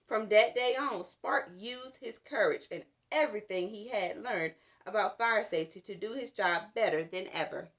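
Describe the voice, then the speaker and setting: In a mid-range voice, a woman reads aloud from a children's book, shaping each line with deliberate, expressive storytelling.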